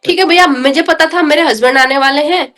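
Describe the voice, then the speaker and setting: Speaking fairly quickly in a high-pitched, slightly bright voice, a woman interviewee tells the earnest, emotional story of a personal devotional experience. She keeps addressing the host as brother as she tells it.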